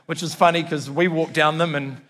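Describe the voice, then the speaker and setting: High-pitched New Zealand preacher, male, echoing hall. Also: steady tone, fairly quick, fairly bright tone. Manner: earnest, emphatic phrasing with repetition. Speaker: church pastor. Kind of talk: sermon to a congregation. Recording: long hall reverb.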